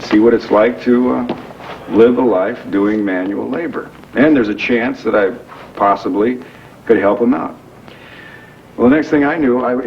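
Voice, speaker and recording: An actor with a gravelly, mid-range voice plays a wealthy young man explaining why he pretended to be a factory worker. His earnest, filler-laden explanation is classic 1980s daytime soap acting, heard through a worn VHS copy of the TV broadcast that is muffled and hissy.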